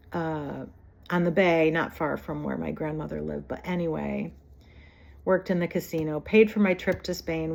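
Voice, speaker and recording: A woman's voice: lowish voice, darkish tone. A woman in her fifties from New Jersey, telling her own life story in a meandering, digressive way. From New Jersey, USA. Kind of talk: personal reminiscence.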